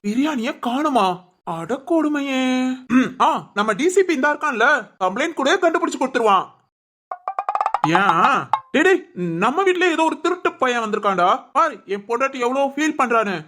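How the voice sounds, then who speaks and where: A man's voice: very high voice, expressive, moderate pace, pushed and bright, exaggerated voice. A man voicing a joking, teasing young husband in a cartoon family comedy. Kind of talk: cartoon voice acting.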